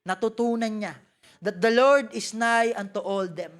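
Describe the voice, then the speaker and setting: Filipino woman preacher with a high voice, lively and joking, reading scripture in English. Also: unhurried. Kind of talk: sermon.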